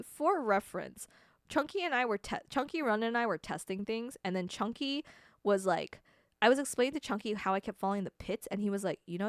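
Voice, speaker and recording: A woman streamer chatting casually with her viewers, animated, laughing often and swearing freely. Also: mid-range voice, no echo, clean studio sound. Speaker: streamer answering chat. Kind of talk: casual live-stream chat.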